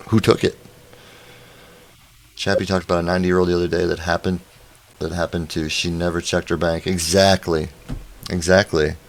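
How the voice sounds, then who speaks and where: A man hosting a casual chat stream, talking conversationally with frequent fillers. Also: low-pitched. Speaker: stream host.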